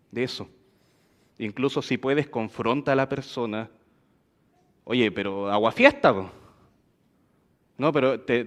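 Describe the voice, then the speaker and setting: A man preaching a sermon in a church, asking the congregation questions and acting out quoted gossip. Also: medium pitch.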